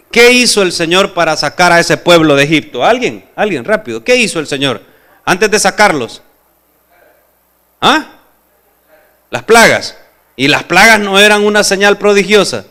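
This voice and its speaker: A man preaching a sermon as pastor, asking his congregation questions in an expressive manner. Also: high voice.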